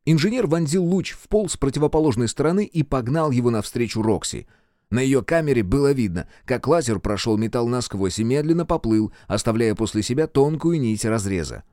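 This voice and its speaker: A man narrating a first-person audiobook in an expressive storytelling manner. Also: medium pitch, brisk, no echo, studio quality.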